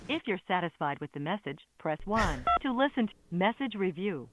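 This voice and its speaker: A man's automated voicemail greeting played over a phone call, reading menu prompts in a formal, even manner. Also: sits high, moderate pace. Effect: automated voicemail greeting heard over a phone call. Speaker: automated voice messaging system. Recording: muffled phone audio with faint hiss.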